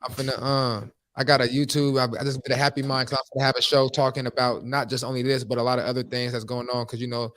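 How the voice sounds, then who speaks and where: A man in his late twenties hosting a casual podcast, fast-talking and rambling with lots of fillers. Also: medium pitch, level tone, a bit bright. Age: 20s. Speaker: podcast host.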